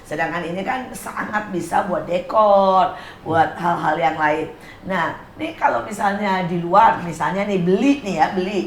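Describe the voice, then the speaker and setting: A woman's voice: fairly low pitch, measured pace, roomy sound, slight background noise. A woman hosting a casual interview show in a garden, chatty and teasing, asking many questions. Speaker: host. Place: outdoor garden.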